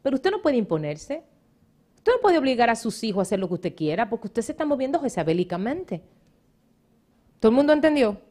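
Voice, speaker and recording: A middle-aged woman preaching to her church, her fairly high voice swooping up and down with lively energy. She presses her congregation with quick questions and calls people out by name as she goes. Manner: animated, preaching at the congregation and teasing members by name. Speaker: pastor. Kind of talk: sermon.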